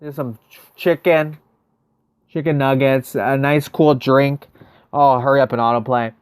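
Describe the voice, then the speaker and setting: Casually chatting over gameplay, a male streamer from the US answers messages from viewers and thinks out loud. His voice sits at medium pitch, clear and resonant, and the recording is very dry, without any room sound.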